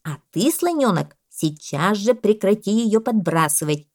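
A woman voicing a fussy, self-important male parrot who talks loudly and lectures. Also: mid-range voice, big pitch swings, normal speed, voice pushed up. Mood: stern. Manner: loud, bossy and lecturing.

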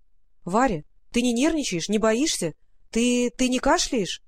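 A woman's voice: fairly high pitch, big pitch swings, dry recording. A woman reading an audiobook, voicing an anxious, strict mother who fusses and flares up. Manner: fussing and quick to flare.

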